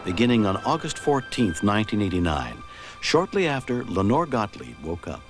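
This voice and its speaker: A man's voice: lowish voice, big pitch swings, normal speed. A man giving scripted narration for a true-story television documentary. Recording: music under the voice. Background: music.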